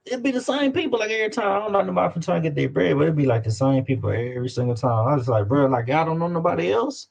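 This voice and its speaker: Speaking with a Southern US accent, this Louisiana-born independent musician is a casual, slangy interview guest who repeats points for emphasis. His voice is on the high side, expressive and very fast, creaky, with a darkish tone, a breathy edge and few pauses. The sound is dull and lo-fi.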